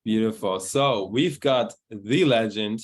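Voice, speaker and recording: The host of an online group coaching call speaks slowly in a lowish male voice, picked up by a video call mic. He is relaxed and upbeat, pumping up his guests as he introduces them.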